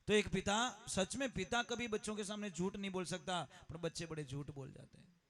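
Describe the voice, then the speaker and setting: A man's voice: high-pitched, steady tone, normal speed, a bit bright. A man preaching a moral sermon at a conference, acting out family stories with dramatic shifts in voice. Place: education conference hall.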